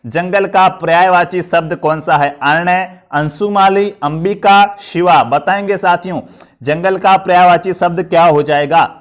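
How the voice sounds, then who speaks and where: Guy teaching grammar online, higher voice, keeps quizzing himself n answering, pepping up the students. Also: fairly even intonation, measured pace. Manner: asks questions and answers them himself, encouraging. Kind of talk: live online grammar class.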